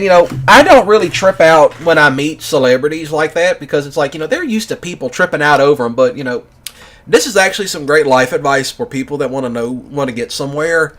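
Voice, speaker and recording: A man's voice: on the high side, a bit bright. Rambling man in his thirties. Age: 30s. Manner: rambling, filler-heavy with many "you know"s. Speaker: gaming channel host. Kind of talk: casual storytelling monologue.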